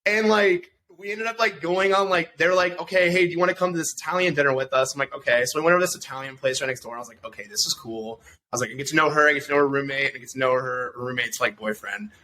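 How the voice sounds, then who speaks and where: A man's voice: mid-range voice, fast talker, sharp tone. A man in his thirties, a podcast guest telling stories in loose, profane, rambling casual chat full of fillers. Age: 30s.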